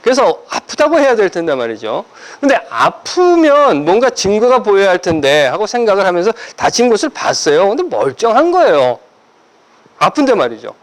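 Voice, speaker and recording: Animated older man preaching a sermon. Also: normal speed. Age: 60s. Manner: animated storytelling, acting out voices with big pitch swings. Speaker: pastor.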